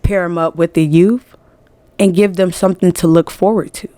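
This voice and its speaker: A woman's voice: fairly low pitch, fairly even intonation, normal speed, warm tone, no echo. A woman from New Jersey, raised in Atlanta, talking frankly and emphatically as a guest on a casual podcast, often laughing. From born in New Jersey, raised in Atlanta. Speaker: music management guest.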